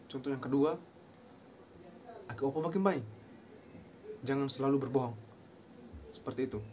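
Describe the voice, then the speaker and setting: A young man, a university student, giving a recorded class presentation, explaining terms and then slowly repeating how each phrase is pronounced, mixing in short English phrases. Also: medium pitch, warm tone, a little hiss or hum.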